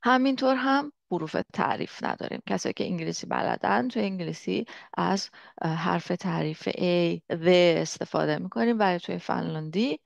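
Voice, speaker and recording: Woman, language teacher, patient, gravelly, dull dry recording. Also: lowish voice, no room sound. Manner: patient, demonstrates sounds slowly and repeats them. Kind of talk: explanatory language lesson.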